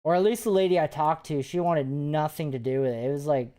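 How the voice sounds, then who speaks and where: Low-voiced woman chatting on stream. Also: fairly quick, dark tone. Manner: rambling, chatty, with frequent restarts and fillers. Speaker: paranormal investigator and streamer. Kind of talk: casual live-stream chat.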